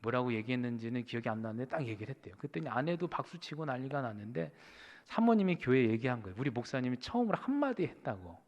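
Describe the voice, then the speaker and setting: A man's voice: mid-range voice, quick pace, muffled recording. Male pastor telling a story in church, voice jumps all over, big echoey sanctuary. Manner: animated storytelling that acts out quoted voices. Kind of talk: sermon storytelling. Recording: church hall with long reverb.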